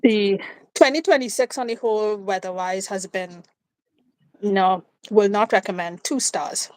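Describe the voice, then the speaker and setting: A woman with a Trinidadian accent co-hosts a live watchalong, chatting playfully in a medium-pitched voice at a slightly slow pace. The audio is poor and dry, recorded indoors in a room at home.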